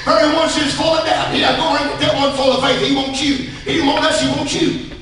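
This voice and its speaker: High-voiced Southern preacher shouting in a big echoey church. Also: male voice, little pitch movement, a little fast, recorded from a distance, a little hiss or hum. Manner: preaching in bursts that swing from shouts to hushed asides. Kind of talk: sermon. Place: church sanctuary.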